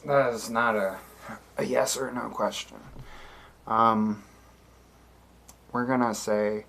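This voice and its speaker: A man playing a solo tabletop game on a live stream, deliberating out loud with many fillers and restarts. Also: mid-range voice, fairly even intonation, slow pace, creaky, a little hiss or hum.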